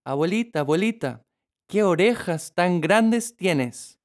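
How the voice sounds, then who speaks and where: Guy doing a squeaky sweet little girl, eager and sing-songy, storybook style. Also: animated, slow. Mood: wondering. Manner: high, eager, sing-song.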